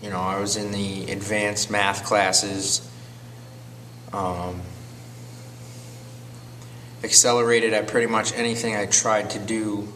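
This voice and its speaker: A young man in his twenties from Connecticut speaks in a measured, unhurried way. His voice is low and very flat, recorded from a distance with a faint hiss underneath. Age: 20s. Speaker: interviewee. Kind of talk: documentary testimony.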